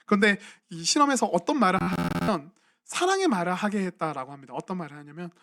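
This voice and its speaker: A man's voice: high voice, lively intonation, fast, gravelly, pushed and bright. A young man, a junior pastor, preaching a sermon in a church and asking his congregation questions in a conversational way. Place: church sanctuary at a midweek evening service.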